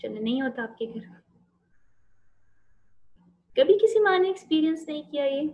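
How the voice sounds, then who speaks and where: A woman with a Pakistani accent gives a gentle Islamic talk, often turning to her listeners with questions. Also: sits high, sing-song. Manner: gentle, engaging, asks the audience questions. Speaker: Islamic lecturer.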